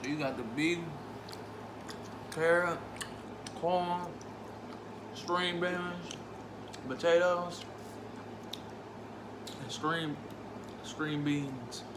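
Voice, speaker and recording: A man with a fairly high voice reviews food informally, drawing out his words, pausing often, and making frequent pleased "mm" noises as he eats. It's a noisy home recording with a roomy, echoing sound.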